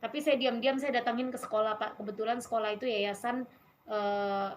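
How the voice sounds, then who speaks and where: A woman's voice: fairly high pitch, fairly even intonation, brisk, slight background noise. A woman in a conversational interview, earnestly telling her personal faith testimony and often quoting what others said to her.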